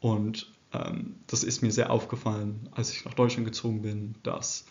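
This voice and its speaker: A man's voice: lowish voice, monotone, normal speed, a little mellow, highs cut off. Hesitant young man lecturing over slides. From England. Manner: hesitant, many fillers and restarts. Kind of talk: recorded slide presentation. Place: indoor room.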